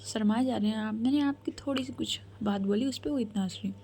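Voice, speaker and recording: A woman's voice: a little high, fast talker, mellow, a little hiss or hum, close to an everyday voice. A woman whispering the lines of a mischievous young woman who teases her friends, in a whispered role-play. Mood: teasing. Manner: teasing, cheeky.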